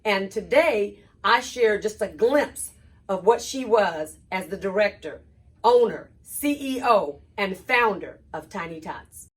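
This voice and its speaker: A woman, the oldest daughter, delivers a prepared memorial tribute. She speaks in a steady, measured way. Her pitch sits in an ordinary middle range.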